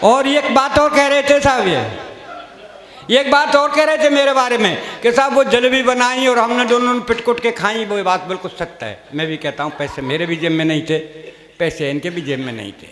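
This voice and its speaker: A man's voice: very high voice, normal speed, a bit bright. A man, performing as a comic poet at a kavi sammelan, telling folksy stories and voicing village characters. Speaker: stage comedy poet. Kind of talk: humorous kavi sammelan storytelling. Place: large stage with audience. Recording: roomy hall reverb.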